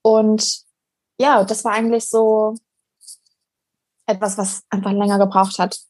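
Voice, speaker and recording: A young woman speaking as a podcast guest, talking earnestly and reflectively, with frequent pauses and restarts. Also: mid-range voice, little pitch movement, darkish tone, no room sound. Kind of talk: casual interview conversation.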